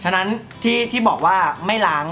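A man chatting casually as co-host, in quick, animated banter with friends. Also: high-pitched, over music. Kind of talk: casual chat.

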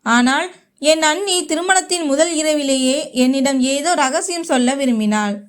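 A woman narrating a first-person short story in a slow, even storytelling manner. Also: high-pitched.

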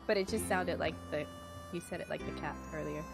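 A woman's voice: deep voice, fairly quick, vocal fry. A woman playing a co-op cooking game on a stream, teasing her friends and laughing often. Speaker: guest player on a stream. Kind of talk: casual gaming chat. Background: game music.

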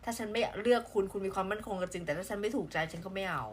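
A woman's voice: medium pitch, very fast, slight background noise. A woman from southern Thailand chatting casually on a live stream, reading out viewer comments in a playful, exclamation-filled way.

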